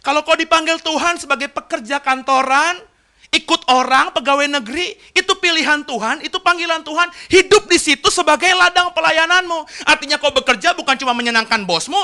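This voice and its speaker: A man preaching a sermon as pastor, emphatic, dropping to quiet asides and rising to loud acted crowd cries. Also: very high-pitched.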